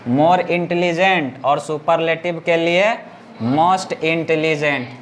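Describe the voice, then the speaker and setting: Male teacher, high voice, slow drilling repetition, faint background hiss. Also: steady tone. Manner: repeats and drills words slowly, asks students if they understood. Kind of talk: classroom grammar lesson.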